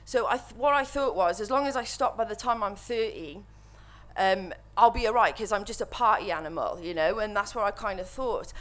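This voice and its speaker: A woman's voice: mid-range voice, a bit bright. Welsh woman late 30s, nervous, lots of ums and false starts, speaking at a mic to a room. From Wales. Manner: nervous, halting, many ums and restarts. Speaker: speaker sharing recovery story. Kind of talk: personal testimony to an audience. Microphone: microphone while standing before an audience.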